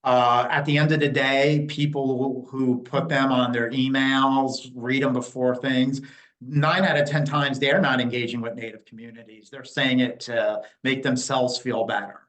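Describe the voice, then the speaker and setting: A man's voice: medium pitch, steady tone, moderate pace, a bit bright, rough recording. A man in his fifties from New Jersey, giving blunt, opinionated answers in a candid interview, with frequent fillers. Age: 50s. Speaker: interview guest, Native community liaison.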